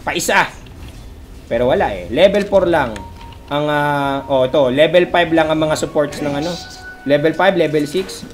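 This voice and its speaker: A man with a Filipino accent calling an esports match, swinging from calm analysis to excited shouts and voicing the players' lines. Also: a little high, moderate pace, soft background music. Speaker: esports commentator. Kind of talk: play-by-play game commentary.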